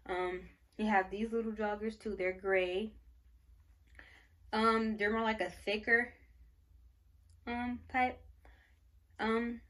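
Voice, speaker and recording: A woman's voice: medium pitch, flat delivery, slow, long pauses, fairly bright tone. Young woman, pregnant, casual vlog, gushing, rambling, lots of fillers, camera mic. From Michigan, United States. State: pregnant, briefly out of breath. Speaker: vlogger. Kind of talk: casual baby haul show-and-tell.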